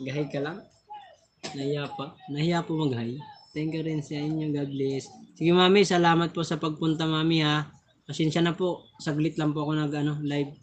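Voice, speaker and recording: A man's voice: on the high side, steady tone, normal speed, slight background noise. A man hosting a casual live stream on his phone, chatting and laughing often as he thanks viewers, sometimes tripping over his words.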